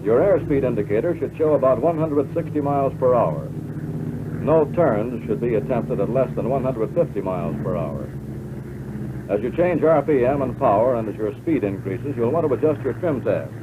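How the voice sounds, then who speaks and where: An American man reads scripted instructional narration for a 1940s military training film, addressing the listener as pilot in a measured, instructive way. His voice is medium-pitched and animated. The tinny, band-limited 1940s soundtrack carries loud noise.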